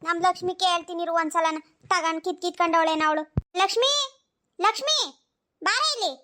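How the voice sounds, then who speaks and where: A performer doing a squeaky, fast-talking nagging village granny. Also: pushed and bright, slight background noise. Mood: suspicious. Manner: scolding, grumbling to herself. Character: nagging old village grandmother, scolding and suspicious. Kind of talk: cartoon voice acting.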